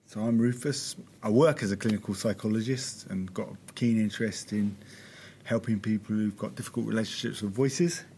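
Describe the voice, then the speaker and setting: Guy psychologist talking through his work, lowish voice, bit of faint hiss behind. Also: normal speed, darkish tone. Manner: thoughtful, candid. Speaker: clinical psychologist. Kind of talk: interview, casual reflective talk.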